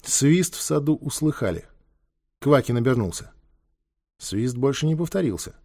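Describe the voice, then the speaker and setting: A man narrating a children's story aloud with lively, dramatic reading. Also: medium pitch, moderate pace, breathy edge.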